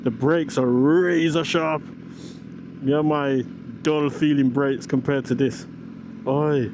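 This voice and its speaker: A British man giving slangy, excitable, off-the-cuff commentary while riding a motorcycle, with wind on the mic. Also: fairly high pitch, slow pace. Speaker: motorcycle vlogger. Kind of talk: casual riding commentary, thinking aloud. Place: outdoors, riding a motorcycle on the road. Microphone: action camera microphone while riding. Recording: wind and engine noise on mic. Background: motorcycle engine and traffic noise.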